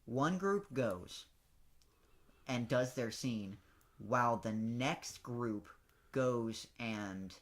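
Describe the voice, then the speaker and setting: A man's voice: mid-range voice, lively intonation, very slow. Man, podcast co-host, casual explainer who restarts often. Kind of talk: casual storytelling chat.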